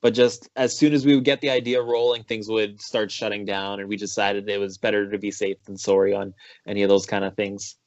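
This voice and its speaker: A pro wrestler with a Canadian accent chats casually in an interview, relaxed and full of fillers. His voice is fairly low and a little fast, recorded with no room sound and the highs cut off.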